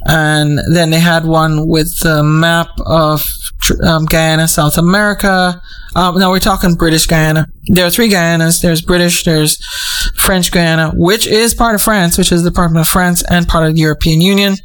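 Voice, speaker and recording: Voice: medium pitch, fairly even intonation, moderate pace, a bit bright, smooth, rough recording. A host from Trinidad and Tobago giving a casual explainer monologue, meandering and digressive as they think aloud.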